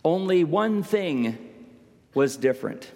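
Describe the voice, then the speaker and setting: A male preacher tells a story slowly, pausing for dramatic effect. His voice is fairly high, and a long reverb fills a large hall around him. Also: animated, vocal fry, dark tone. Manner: slow, dramatic pauses. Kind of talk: sermon storytelling.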